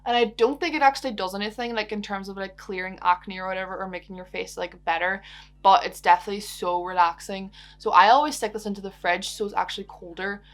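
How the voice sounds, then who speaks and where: A woman's voice: mid-range voice, fairly even intonation, fast, a bit bright. Bubbly young Irish woman chatting. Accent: Irish, Donegal. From Ireland. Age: young adult. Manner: bubbly, giggly, sweary, rambling. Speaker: YouTuber answering viewer questions. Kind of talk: casual chatty Q&A vlog.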